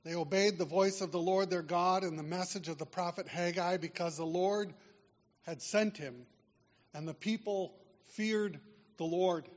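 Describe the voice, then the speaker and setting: A man preaching a sermon, pushing hard on key words and then dropping to a near hush. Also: high voice, unhurried. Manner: emphatic preaching with wide swings in loudness. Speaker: pastor. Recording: dull lo-fi sound in a reverberant hall.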